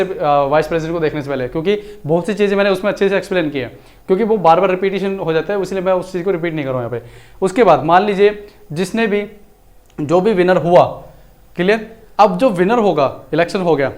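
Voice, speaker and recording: High-voiced male teacher. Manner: chatty, explanatory, mixes Hindi with English terms. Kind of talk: recorded exam-prep lecture.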